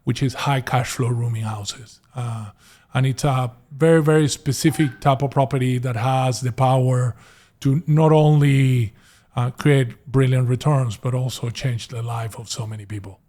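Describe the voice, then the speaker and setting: Speaking as an interview guest, this property investor from Venezuela is a middle-aged man whose Venezuelan Spanish accent mixes with American and Australian traces. His story comes with frequent restarts, repeated words, and plenty of fillers, delivered at a moderate pace in a steady, warm, mid-range voice.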